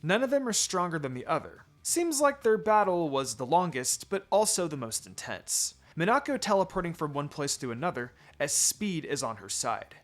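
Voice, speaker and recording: With a slightly high, sing-song voice, a man reads at a normal pace and rarely pauses. He theatrically narrates fan fiction over background music, voicing the dialogue in a dramatic scripted performance.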